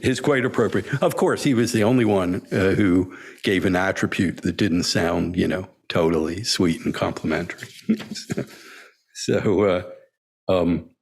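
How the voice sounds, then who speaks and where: Older man with a low husky voice. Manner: halting, many fillers, chuckles often. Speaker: senior disciple telling stories. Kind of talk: reminiscing storytelling talk.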